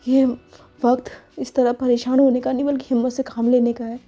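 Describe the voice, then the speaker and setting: A woman's voice: high-pitched, flat delivery, a little fast, warm tone, soft background music. A woman voicing a worried middle-aged mother who pleads and prays, on a dull lo-fi recording. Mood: pleading. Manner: pleading, pious.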